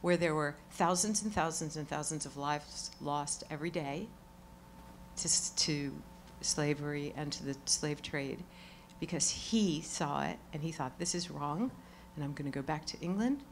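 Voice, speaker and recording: Exuberant woman onstage, lowish voice. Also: steady tone, normal speed, slight background noise. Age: middle-aged. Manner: exuberant, swings from quiet to loud exclamations, laughs often. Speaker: award honoree speaking onstage. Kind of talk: lively onstage conversation with profanity.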